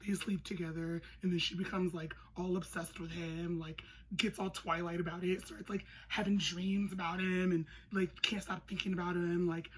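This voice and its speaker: A young woman giving a casual, comedic recap in an animated, sarcastic way, with slangy phrasing and a husky, breathy voice. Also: lowish voice, normal speed, hardly any pauses, rough recording. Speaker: movie reviewer.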